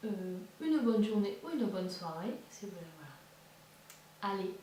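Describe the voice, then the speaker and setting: A woman's voice: medium pitch, sing-song, unhurried, warm tone, a little hiss or hum. Woman vlogger rambling with lots of ums, very echoey room, mic far off. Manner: hesitant, many fillers and restarts. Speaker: beauty vlogger. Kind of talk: casual chat.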